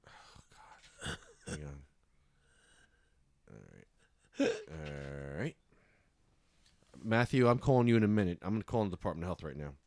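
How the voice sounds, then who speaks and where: A man's voice: sits low, huge pitch swings, moderate pace, long pauses, a little mellow, dry recording. A man hosting a casual call-in podcast, talking a caller through a website and getting worked up, swearing and apologizing. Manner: frustrated, swears and apologizes, flares up. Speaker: podcast host.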